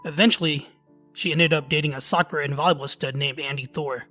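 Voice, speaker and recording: A man narrating a love story in a steady storytelling way. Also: a little high, fairly quick, soft background music.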